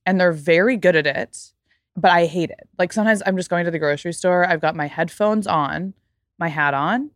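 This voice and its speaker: With a lowish voice at a normal speed, this young woman hosts a podcast, mixing casual talk with an ad read. She's emphatic and leans heavily on "like," and the recording is clean studio sound without any room noise.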